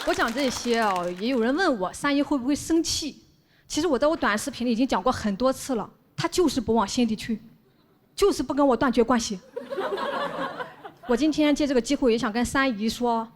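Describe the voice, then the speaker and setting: Stand-up comic, female, slightly high voice, deadpan family humor; noisy live recording. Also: a little fast. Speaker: stand-up comedian. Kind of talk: stand-up comedy set. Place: stage before a live audience.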